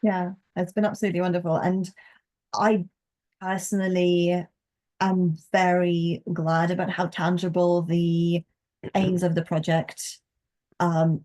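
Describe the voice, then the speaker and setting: A young woman, a postdoctoral folklore researcher and co-host, speaks in a lowish, slightly mellow voice. In a reflective conversation, she is articulate and thoughtful, though her phrasing is hesitant.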